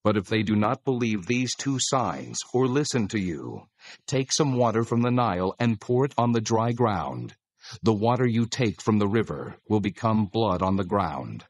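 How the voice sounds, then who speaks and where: A man's voice: fairly low pitch, expressive, normal speed, no room sound, studio quality. An actor playing God as a solemn, commanding male deity in a dramatized scripture reading. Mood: instructing.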